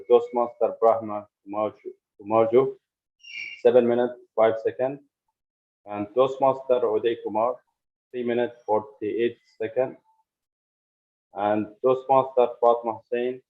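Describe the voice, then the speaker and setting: Male meeting timer, monotone list-like report, thin telephone-quality sound. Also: mid-range voice. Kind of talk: formal timing report.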